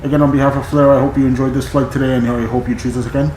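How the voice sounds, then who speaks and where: A man playing an airline captain on a cockpit headset, reading back clearances and making calm, procedural cabin announcements. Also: medium pitch, rapid-fire, roomy sound, a little hiss or hum, poor audio. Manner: calm, procedural pilot phrasing. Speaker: flight sim streamer playing airline captain. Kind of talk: role-play radio calls and cabin announcements.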